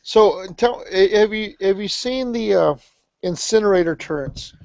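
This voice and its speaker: A man with a slightly high voice talks bluntly and profanely in casual hobby chat. The sound is dry and a little dull. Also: lively intonation, measured pace, vocal fry, darkish tone, dry recording. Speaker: webcast panelist. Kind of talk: casual hobby chat about tabletop wargaming. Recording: dull, dry webcast audio.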